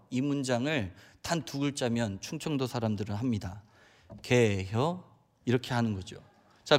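A man from Chungcheong Province preaching a sermon, telling a humorous story and often addressing the congregation directly. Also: mid-range voice. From Chungcheong Province, Korea. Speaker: pastor. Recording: long hall reverb.

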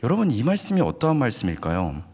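A man preaching a sermon in a church hall, telling stories with animated delivery and asking the congregation direct questions. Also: mid-range voice, fast, husky. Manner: animated storytelling, acts out quoted voices. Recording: long hall reverb.

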